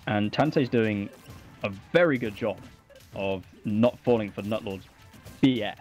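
Guy casually commenting a match, quick and excitable, some game music behind. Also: on the low side. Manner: lively, laughs often, quick reactions. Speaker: esports commentator.

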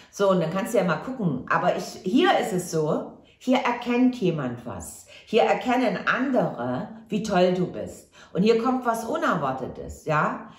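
Speaking in an echoey room, a tarot reader with a mid-range voice chats reassuringly to the camera during a casual reading, frequently tacking on a questioning "ja?".

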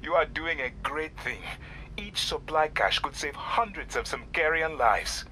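An actor playing a solemn, guarded foreign man burdened by guilt in a video game, speaking formally and gravely. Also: a little high, expressive, unhurried, pushed and bright, slight background noise.

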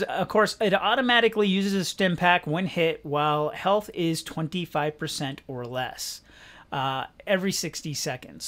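A young man hosting a gaming channel, giving casual, rambling commentary with lots of fillers. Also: on the high side. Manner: relaxed, rambling, many fillers.

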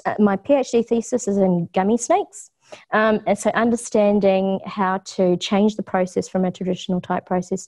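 Her voice is mid-range and slightly mellow: a middle-aged New Zealander giving a laid-back food science talk to the community while standing in an office kitchen. She chats freely, um-ing often and quick to laugh.

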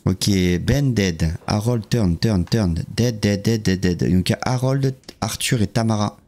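With a lowish voice and a measured pace, this live streamer playing a horror game banters playfully with his audience and says hello to viewers one at a time, keeping the mood lively.

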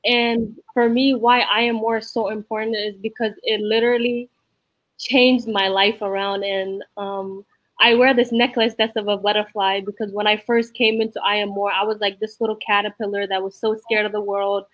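A woman's voice: medium pitch, little pitch movement, moderate pace, fairly bright tone, no room sound, rough recording. A woman in her twenties, born in Somalia, speaking earnestly and reflectively about her own life on a video call from a room at home. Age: 20s. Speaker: youth program member. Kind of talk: personal testimony on a video call. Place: room at home with a whiteboard behind. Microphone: laptop webcam video call.

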